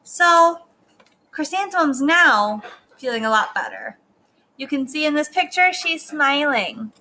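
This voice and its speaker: A young woman reading a story aloud to children, stopping to ask them gentle questions. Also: sits high, big pitch swings, measured pace. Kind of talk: read-aloud lesson for children.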